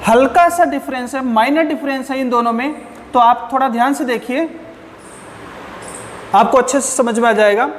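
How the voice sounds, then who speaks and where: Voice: sits high, normal speed, long pauses, a little hiss or hum. A teacher giving a lesson to students, posing questions and then answering them, repeating key points and mixing in English phrases. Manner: mixes English phrases into explanations. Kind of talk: classroom-style lesson. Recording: long reverb.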